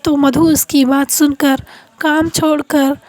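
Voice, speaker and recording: High-voiced woman telling a story. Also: little pitch movement, slow pace, darkish tone, dry recording. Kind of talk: storybook narration.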